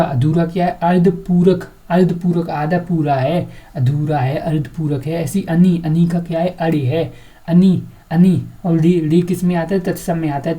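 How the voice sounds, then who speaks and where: A woman's voice: low-pitched, warm tone. A woman teaching an exam-prep grammar lesson, asking the class questions and answering them herself, repeating each word several times.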